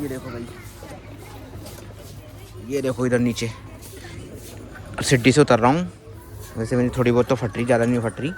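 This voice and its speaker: A man talking casually to his phone camera as a vlogger and father, chatty and always pointing things out to his viewers. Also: mid-range voice. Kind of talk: casual vlog narration to camera. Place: outdoors, rooftop and street market. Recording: street noise with passing vehicles.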